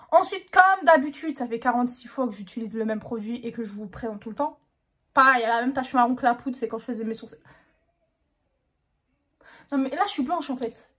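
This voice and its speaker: Slangy, self-mocking young Frenchwoman. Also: fairly high pitch. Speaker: beauty vlogger. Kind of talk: casual makeup tutorial chat.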